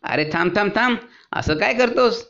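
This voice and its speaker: A man's voice: sits high, lively intonation, normal speed, bright, forceful tone, highs cut off, pitched above the performer's own voice, full character voice. A man voicing a busy grown tailor in a storybook, refusing in an exasperated way. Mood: annoyed. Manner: exasperated protesting.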